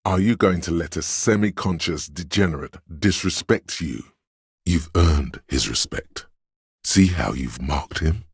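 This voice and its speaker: Heavily acted, this male video game voice plays an inner voice of authority, extremely deep and very smooth. He delivers lines in a haughty, pompous, measured way, a stern narrator who expects to be obeyed, captured in a close, dry recording.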